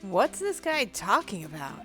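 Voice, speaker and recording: A level-headed young defense lawyer speaks with dry matter-of-factness, as a woman with a stuffy cold reads him. The voice swings widely in pitch, and faint game music plays underneath. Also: sing-song, unhurried, fairly bright tone.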